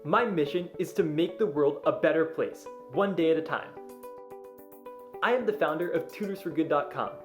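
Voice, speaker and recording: A man's voice: fairly high pitch, normal speed. A teenage boy giving a confident, straightforward scripted introduction. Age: teens. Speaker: scholarship recipient. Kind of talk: scripted personal statement. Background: guitar music.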